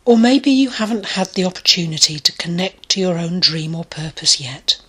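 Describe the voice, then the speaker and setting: A woman leading a guided meditation in a soft, soothing voice that often drops to a breathy near-whisper. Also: fairly low pitch, lively intonation, moderate pace. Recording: clear music bed behind the voice.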